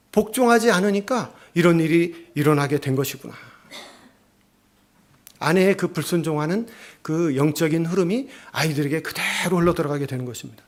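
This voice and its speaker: A male pastor giving a sermon, telling a family story and acting out its voices. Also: fairly high pitch. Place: church.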